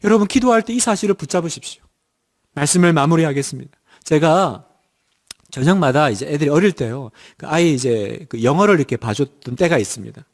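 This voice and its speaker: A middle-aged man preaching a sermon and leading prayer, emphatic and rhetorical, dropping to a hushed voice at tender moments. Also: on the high side, expressive, fairly quick. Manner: emphatic, rhetorical questions to the congregation. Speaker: pastor.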